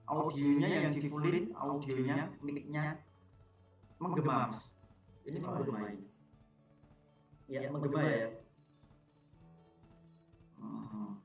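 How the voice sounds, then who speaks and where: A fairly high-voiced man hosts a live online session in a chatty, easy way, often checking in with his listeners. His voice booms with a heavy cavernous echo, and the mic sits away from him. Loud music plays behind him. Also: slow pace, long pauses, far from the mic, dull audio. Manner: chatty, keeps asking listeners for audio feedback. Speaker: host of an online product session. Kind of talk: casual live-stream talk.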